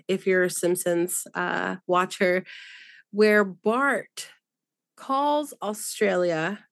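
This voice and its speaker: A woman's voice: mid-range voice, no echo, clean studio sound. A woman co-hosting a true crime podcast, chatting casually and rambling with fillers and laughs. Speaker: podcast co-host. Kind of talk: casual chat.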